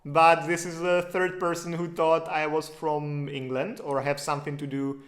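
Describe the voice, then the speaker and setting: A Czech man hosts a casual live Q&A stream in English with a Czech accent, rambling chattily and using plenty of fillers. His voice sits a little high, his delivery is flat, and he talks at a normal speed. The room gives the recording a noticeable echo.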